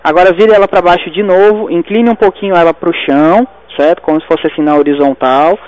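Calm emergency doctor guiding a caller. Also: male voice, sits high, dull audio. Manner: steady, directive, repeats instructions slowly. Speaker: emergency doctor on a phone line. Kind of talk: calm emergency phone instructions.

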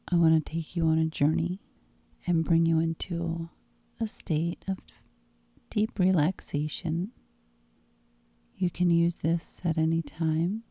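A woman guiding a hypnosis meditation in a calm, soothing tone, soft and breathy, often close to a whisper. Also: sits low, no echo. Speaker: hypnosis guide.

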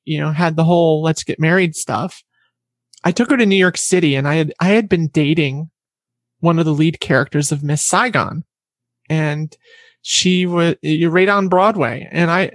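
A woman guest telling a personal story in an interview, animated and acting out what other people said. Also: deep voice, no room sound.

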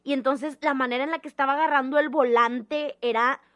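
A young woman, telling a personal story in a casual, animated and dramatic way. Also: high-pitched, fairly quick. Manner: animated, dramatic, acts out the voices in her story.

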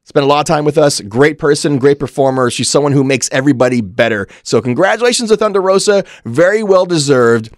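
A man chats casually as a podcast co-host. His voice is fairly high, he leans on words and repeats phrases for emphasis, and the recording is dry and close. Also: a little fast, few pauses, dry recording. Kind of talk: casual wrestling banter.

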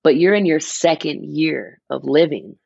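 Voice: medium pitch, expressive, unhurried, creaky, darkish tone, slightly rough, no echo, lo-fi sound. A person in their mid-twenties chatting casually on a podcast, rambling and restarting as they explain an idea. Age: 20s. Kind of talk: casual chat.

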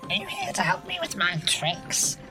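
A man's voice: high-pitched, wildly swooping pitch, moderate pace, over music, pitched above the performer's own voice, rough recording. A man voicing a scheming, mischievous male elf from the North Pole in a comedy podcast sketch. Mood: sly. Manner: sly and mischievous, relishes sabotage.

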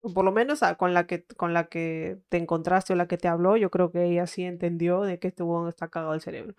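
A woman's voice: lowish voice, steady tone, fast, a little mellow, clear, resonant tone. Outspoken woman, sarcastic. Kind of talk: casual chat.

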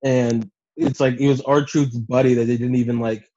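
Podcast guy, normal pitch, muffled lo-fi sound, casual recap, swears a lot n does the quotes. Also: flat delivery, moderate pace, mellow. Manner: swears freely, acts out quotes. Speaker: podcast co-host. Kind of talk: casual animated recap chat. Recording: dull lo-fi voice recording.

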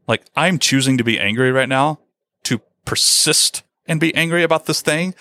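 A man's voice: a little high, normal speed, sharp tone, no echo, clean studio sound. A man co-hosting a podcast in a casual chat, telling a candid personal story with self-deprecating humor. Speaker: podcast co-host.

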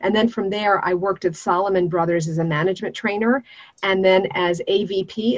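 Husky middle-aged woman, animated storyteller. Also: lowish voice. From Brooklyn, New York. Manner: animated, laughs often. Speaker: guest, speech coach. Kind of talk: interview storytelling. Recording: dull lo-fi line.

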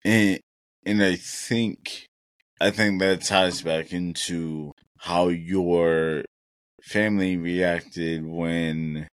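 A man's voice: deep voice, fairly even intonation, drawn-out words, no room sound. A young man co-hosting a casual podcast, talking in an earnest, reflective way and thinking aloud with many fillers. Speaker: podcast co-host.

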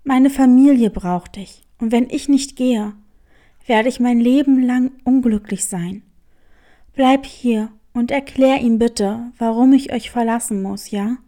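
A woman's voice: fairly high pitch, a little slow, mellow, voice pushed down, close to an everyday voice. A woman voicing an eager, earnest young male hare in a storybook who dreams big. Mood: earnest, pleading.

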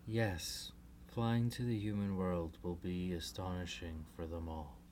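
Storybook fairy queen and mother, regal yet tender, low and breathy near-whisper, voiced by a woman. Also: steady tone, measured pace. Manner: soft, comforting, near-whispered.

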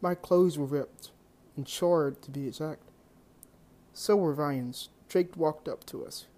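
A young amateur narrator reading a first-person adventure story in a plain, halting read-aloud delivery. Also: medium pitch, warm tone.

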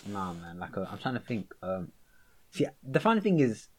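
A man's voice: fairly low pitch, normal speed. A young man with a London accent, chatting casually and telling stories in heavy slang. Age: young adult. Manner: slang-heavy, animated storytelling. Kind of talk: casual chat, storytelling.

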